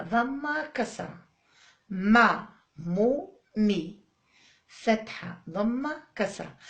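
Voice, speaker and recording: A woman with an Algerian Arabic accent teaching a phonics lesson to young children, drawing out each syllable and coaxing and praising the child. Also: a little high.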